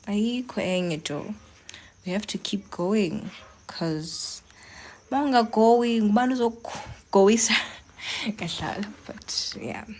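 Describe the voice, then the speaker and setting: A woman's voice: mid-range voice, takes it slowly, a little mellow. A young South African woman chatting casually with viewers during a live stream from home, encouraging and mixing languages. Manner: chatty, switches between English and local languages, encouraging.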